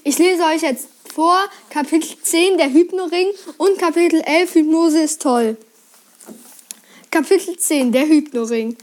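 Woman reader with a high voice, lively storybook reading for kids. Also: a little slow. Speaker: reader presenting a children's book. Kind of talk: reading a children's book aloud.

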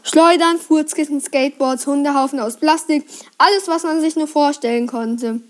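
Woman reader with a high voice, lively storybook reading for kids. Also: moderate pace. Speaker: reader presenting a children's book. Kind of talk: reading a children's book aloud.

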